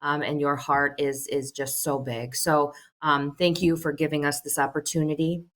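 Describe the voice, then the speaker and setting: At a telephone town hall, a middle-aged American woman who heads a social services agency gives earnest, prepared remarks full of "um"s. Her voice sits low and is a bit bright, with a level tone at normal speed.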